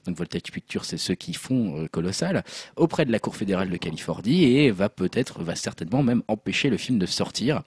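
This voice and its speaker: A man's voice: lowish voice, fairly quick, slightly rough, dry recording, clean studio sound. A man hosting a film podcast, chatting casually and handing over to his co-hosts. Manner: relaxed, hands over to co-hosts. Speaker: podcast host. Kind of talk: casual film news chat.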